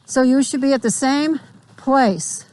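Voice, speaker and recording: Woman riding teacher, kinda high voice, explaining and directing riders out in the arena. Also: unhurried, darkish tone. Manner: directive, explanatory, checks understanding. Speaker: riding instructor. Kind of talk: spontaneous hands-on instruction.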